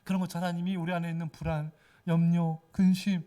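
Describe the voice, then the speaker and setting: A man's voice: a little high, level tone, quick pace, warm tone, far from the mic. A middle-aged male pastor giving a fervent sermon, exhorting and repeatedly calling out to his congregation.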